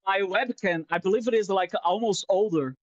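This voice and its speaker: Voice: medium pitch, normal speed, dry recording, highs cut off. A streamer chatting casually while drawing, rambling and swearing, openly sentimental, on a headset mic.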